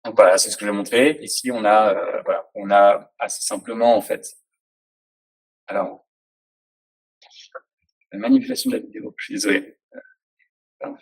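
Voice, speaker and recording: A man's voice: on the low side, very animated, moderate pace, creaky, long pauses, slightly rough, rough recording. A man giving a casual technical presentation, hesitant, with many fillers and restarts. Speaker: presenter at a tech talk.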